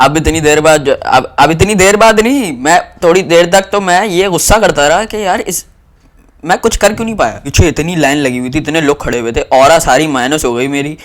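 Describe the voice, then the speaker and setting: A young man from Pakistan, telling a travel story to camera in a rambling, animated way with lots of fillers. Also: on the high side.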